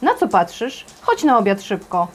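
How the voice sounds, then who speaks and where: A woman voicing a hurried teenage older sister who talks in an urgent, shrill way. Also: wildly swooping pitch, husky. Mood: impatient.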